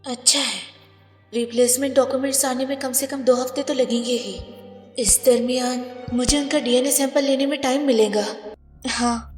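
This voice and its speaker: A woman's voice: high voice, a little mellow, natural voice. A woman dubbing a cold, scheming wife bent on revenge, with a Hindustani accent. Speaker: dub actor. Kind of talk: dubbed drama acting.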